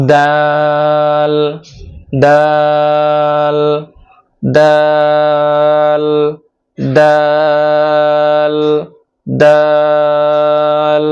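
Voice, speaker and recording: A man from Bangladesh teaching an online Quran lesson, slowly explaining how to pronounce each Arabic letter and repeating each sound many times. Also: on the high side, a little mellow, lo-fi sound.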